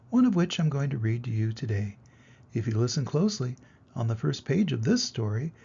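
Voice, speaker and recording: An older man, a grandfather, reading a children's story aloud in an expressive grandpa voice to little children. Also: medium pitch, creaky, breathy edge, lo-fi sound.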